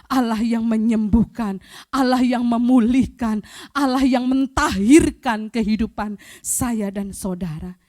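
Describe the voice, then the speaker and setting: Fervent woman pastor preaching. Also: a little high. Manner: fervent preaching that swells to loud, emphatic cries. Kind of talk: sermon. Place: church, streamed online.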